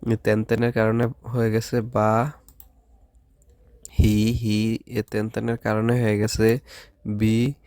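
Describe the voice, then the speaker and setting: A man teaching a language class, slowly drilling syllables one at a time and asking the students questions. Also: lowish voice, completely flat delivery, darkish tone, no room sound. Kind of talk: Japanese lesson with drilled syllables.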